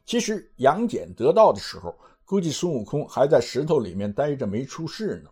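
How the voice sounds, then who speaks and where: A man's voice: mid-range voice, very animated, normal speed, a little mellow, husky. A man giving casual commentary on a classic novel, asking rhetorical questions and answering them himself. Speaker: storyteller and commentator.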